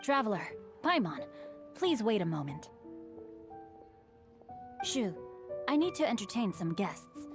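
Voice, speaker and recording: A woman's voice: medium pitch, sing-song, takes it slowly, long pauses. A woman voicing a courteous, bookish young man in a video game, speaking formally and eloquently over music. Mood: composed. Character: refined, bookish young male guild heir, courteous. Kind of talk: video game character acting. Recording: music behind the voice.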